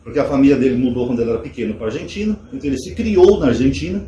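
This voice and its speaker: A Brazilian channel host talks fast and casually to his viewers in a mellow, somewhat high voice, offering conversational commentary. His explanations are packed with animated asides and rhetorical questions. The room echoes, and a faint hum sits behind him.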